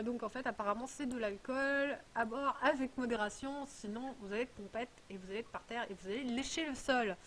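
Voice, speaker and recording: Chatty woman with a high voice. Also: a little hiss or hum. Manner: chatty, rambling, full of hesitations. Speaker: vlogger unboxing a parcel. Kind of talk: casual chat.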